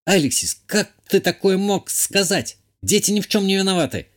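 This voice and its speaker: A man voicing a proud, irritable young noblewoman, a countess, in an audiobook. He gives her a sharp, reproachful way of talking. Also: high-pitched, expressive, moderate pace, pitched above the performer's own voice. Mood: indignant.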